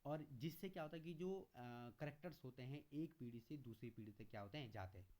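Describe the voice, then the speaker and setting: A male teacher giving a classroom lecture in a question-and-answer style, calling students "beta" and reading English notes out slowly between his explanations. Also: fairly high pitch, a little mellow. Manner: asks questions and answers them himself, calls students beta; mixes Hindi explanation with read-out English notes, slower on English.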